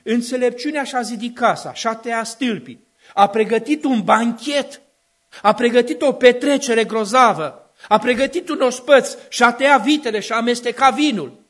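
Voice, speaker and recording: A male preacher with a notably high voice delivers a sermon to a congregation. His cadence is emphatic and repetitive, building into loud declaiming passages. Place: church hall with a congregation of a few dozen.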